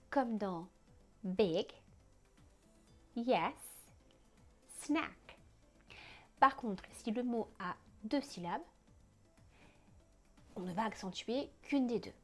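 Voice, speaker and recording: Woman teaching pronunciation, higher voice. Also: darkish tone. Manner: clear, carefully articulated explanations with spoken word examples. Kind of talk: scripted online lesson.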